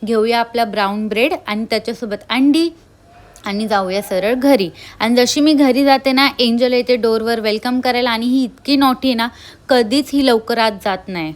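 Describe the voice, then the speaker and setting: A woman's voice: on the high side, normal speed. A young woman narrating her day in a casual, chatty vlog voice-over. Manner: chatty, conversational, frequent tag words. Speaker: vlogger.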